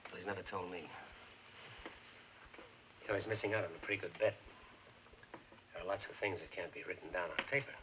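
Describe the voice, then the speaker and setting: A man playing a smooth, self-important schemer who talks down to others, in 1950s film noir acting. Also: sits low, brisk, long pauses, close to an everyday voice. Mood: boastful. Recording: old film soundtrack with hiss.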